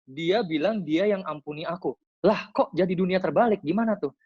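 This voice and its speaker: A man's voice: high-pitched, a little fast, darkish tone, breathy edge, no room sound. A man hosting an online Q&A, casual and chatty, reading questions aloud. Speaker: host. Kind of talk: online Q&A moderation. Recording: dull, dry lo-fi sound.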